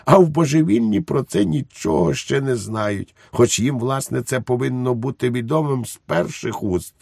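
A man's voice: mid-range voice, expressive, normal speed, creaky, a little mellow, breathy edge, dry recording, clean studio sound, pitched above the performer's own voice. Man doing a cheerful naive good soldier. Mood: eager, rousing. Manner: eager, politely naive. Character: cheerful simple-minded good soldier, middle-aged man. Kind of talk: audiobook character voice.

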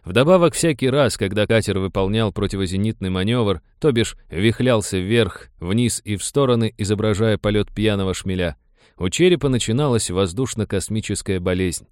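Man, audiobook narration, steady, wry, low voice, dry close sound. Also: normal speed, clear, resonant tone, no echo.

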